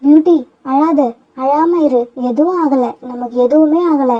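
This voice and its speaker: A woman's voice: sits high, measured pace, background noise. A woman voicing a heartbroken mother sparrow who pleads with her husband in a grieving tone in a cartoon. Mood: pleading. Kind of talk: cartoon voice acting. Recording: dull lo-fi sound.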